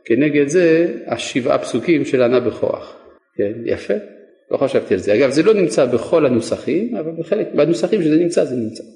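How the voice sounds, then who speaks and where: A rabbi teaches a Torah class, putting questions to his students and then answering them himself. His fairly high voice is expressive and warm. The room is echoey, with long reverb.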